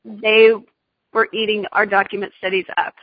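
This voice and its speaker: A woman's voice: mid-range voice, level tone, moderate pace, dry recording. A woman teacher answering questions in a casual discussion, friendly and often hesitating with fillers. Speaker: teacher giving advice. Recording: dull dry lo-fi sound.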